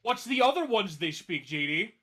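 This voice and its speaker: Detroit-area dude teasing his buddies on stream, high bright voice. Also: very animated. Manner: teasing, quick retorts. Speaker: co-host. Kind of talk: live reaction banter.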